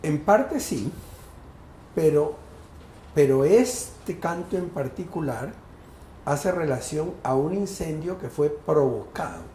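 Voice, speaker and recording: A man in his sixties from Colombia's Pacific coast, telling a childhood story in a measured, articulate, lyrical way during an interview. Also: on the high side, lively intonation, mellow. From Tumaco, Colombian Pacific coast. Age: 60s. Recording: echoey room with faint background noise.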